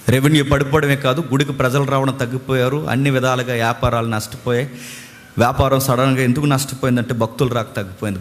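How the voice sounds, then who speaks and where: A man's voice: mid-range voice, long reverb tail. A man preaching a sermon as a pastor, firing off rhetorical questions, acting out quoted voices and mixing English words into his speech.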